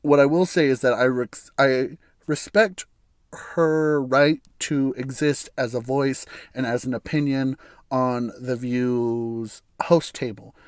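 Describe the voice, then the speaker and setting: An American man hosts a casual solo podcast, rambling through his opinions, chuckling and often backing up to restart sentences. Hoarse from bronchitis, his middle-pitched voice is raspy, with a steady tone and slow pace. The sound is close and dry, with no room sound.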